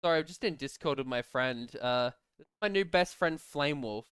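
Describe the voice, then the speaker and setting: A young man streaming a game, chatting casually, often laughing and breaking into frustrated shouts. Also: medium pitch, animated, moderate pace, clean tone, dry recording, studio quality. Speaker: gaming streamer. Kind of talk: casual gaming chat.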